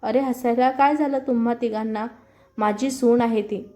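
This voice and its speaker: A teasing old mother-in-law lightly scolds the family in a mellow, even voice, as a woman narrator reads her lines. She sounds fond rather than harsh, in a plainly read storybook manner. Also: a little high, normal speed, close to an everyday voice. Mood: fond scolding.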